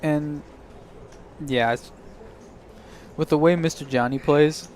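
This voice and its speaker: A man's voice: a little high, fairly even intonation, slow pace, darkish tone, slight background noise. A man giving live poker commentary in a chatty way, thinking aloud as he reads the hands.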